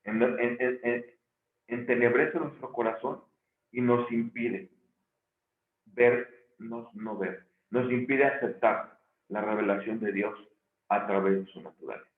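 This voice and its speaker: In a recorded theology video lecture, a man thinks aloud, often restarting and correcting himself. His mid-range voice keeps a fairly even intonation at a measured pace. The room is echoey and the audio sounds tinny, like a phone.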